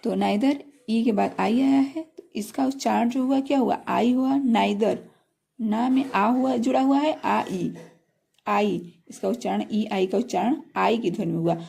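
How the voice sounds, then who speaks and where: A woman teaches English spelling and pronunciation in a patient classroom manner. Her voice is gravelly and dark. She slows right down to spell words letter by letter, then repeats each meaning. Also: medium pitch.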